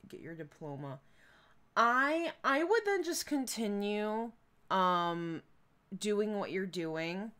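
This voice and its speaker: Slow but very animated, this young woman has a mid-range, somewhat bright voice and a Midwestern American accent from around Chicago. Streaming a game live, she chats casually and rambles, dropping in fillers and giggles.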